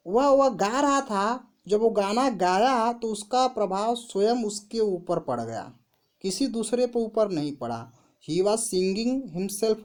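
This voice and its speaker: A woman teaching a grammar lesson, who asks questions and answers them herself, repeats key words and reads example sentences very slowly. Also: mid-range voice, darkish tone. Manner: slow, repeats answers to her own questions.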